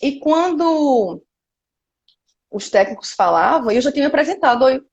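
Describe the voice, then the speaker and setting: Northeastern brazilian woman, 30s, kinda high voice, chatty and blunt interview talk. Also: normal speed, creaky, dull audio. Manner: lively and frank, frequent "né" tags. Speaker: cultural producer, guest. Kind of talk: casual interview storytelling.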